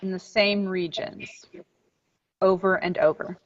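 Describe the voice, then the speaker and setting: A woman presenting research findings in a webinar, speaking in measured phrases. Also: medium pitch, steady tone. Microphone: video call. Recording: muffled distant video call audio.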